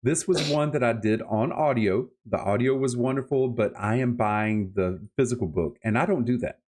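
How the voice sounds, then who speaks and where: A man with a medium-pitched, darkish voice hosts a podcast, chatting casually and emphatically about books. His delivery is enthusiastic and colloquial, at a normal speed.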